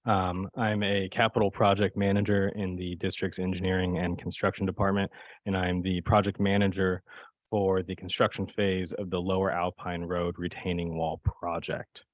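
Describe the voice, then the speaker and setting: A man presenting as a project manager to a public board, hoarse and raspy from a cold, speaking in a steady, measured way. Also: deep voice, no echo. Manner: steady, measured delivery with occasional fillers. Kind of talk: formal staff presentation.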